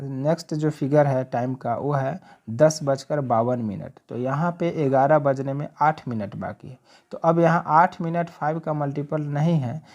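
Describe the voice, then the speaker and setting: A man teaching a spoken English lesson as a voice-over on slides, explaining step by step, checking in often and slowing right down for each English example phrase. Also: a little high, a little mellow.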